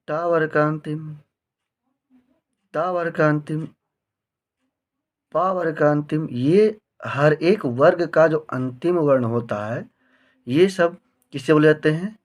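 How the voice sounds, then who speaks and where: Slow, patient teacher reciting rules. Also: male voice, fairly high pitch. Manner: slow, drawn-out recitation with frequent questions to the class. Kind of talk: classroom grammar lesson, recitation with students.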